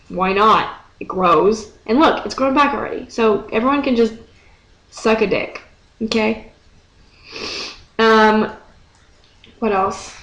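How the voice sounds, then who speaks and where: A woman's voice: on the high side, creaky. A teenage girl rambling sarcastically in a casual vlog, swearing freely, into a webcam mic. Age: teens. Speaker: vlogger. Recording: echoey room.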